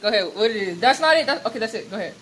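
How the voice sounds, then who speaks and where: A woman chatting casually in an excitable, slangy way during a family game. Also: medium pitch, very fast, background noise. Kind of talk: casual chat. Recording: handheld phone, busy household chatter.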